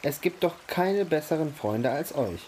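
Man voicing a storybook mouse, gentle, kind, slow, a bit higher, lively melody. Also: a little hiss or hum. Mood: content. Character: small gentle mouse waiting for friends.

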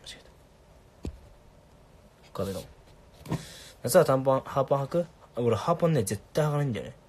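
A young man casually answering viewer questions on a livestream, laid-back and soft-spoken. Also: medium pitch, lively intonation, fairly quick.

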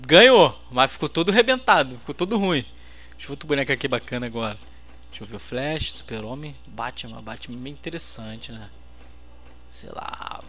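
A man with a Brazilian accent giving excitable, trash-talking commentary while playing a fighting game. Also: mid-range voice, brisk. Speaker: gameplay host. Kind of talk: let's-play commentary.

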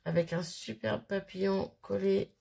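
A woman's voice: medium pitch, fairly even intonation, a little slow, vocal fry, dark tone, slightly rough. A woman in her thirties chatting casually as she unboxes a birthday parcel, rambling and giggly, with a sniffly nose. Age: 30s. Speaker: crafting vlogger.

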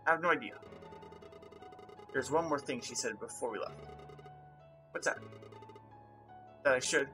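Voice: medium pitch, animated, unhurried, pauses often. A game reviewer reading game dialogue aloud, switching between the lines of two bickering characters. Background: game music.

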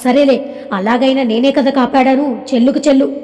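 A man's voice: very high-pitched, fairly even intonation, a little fast, a little mellow, faint music behind. A woman voicing a short-tempered young man who scolds curtly, heard with a long echoing reverb. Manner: curt, scolding.

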